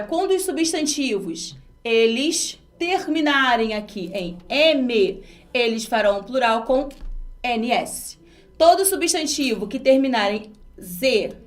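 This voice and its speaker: A Brazilian woman with a fairly high voice teaches an exam-prep grammar lesson, explaining each step and posing rhetorical questions to her students.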